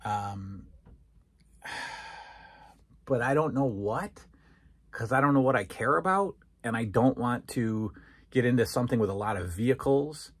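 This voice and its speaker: A man's voice: mid-range voice, animated, measured pace, long pauses, breathy edge, no room sound. A man in his thirties, giving a casual rambling room tour while walking around and filming with a handheld phone in a small basement room. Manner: rambling, self-questioning. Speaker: collector vlogger. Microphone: phone held at arm's length.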